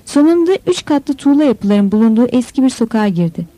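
A woman giving a steady, descriptive audiobook narration. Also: fairly high pitch, fast talker, no room sound, low-quality recording. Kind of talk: scripted narration.

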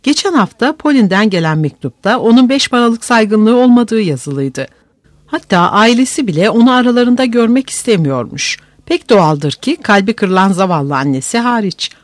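Audiobook narrator, expressive, dramatic, lively pitch, dry close sound. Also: moderate pace, no room sound.

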